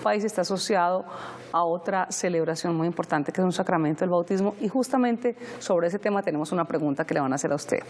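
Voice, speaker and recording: A woman's voice: lowish voice, quick pace, darkish tone. A Colombian woman hosting a conversational television interview. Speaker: TV host interviewer.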